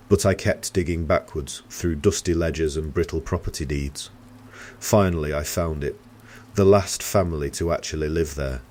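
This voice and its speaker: Super deep guy telling a creepy story slow and grave, faint hum behind. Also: darkish tone. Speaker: narrator. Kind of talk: scripted horror narration.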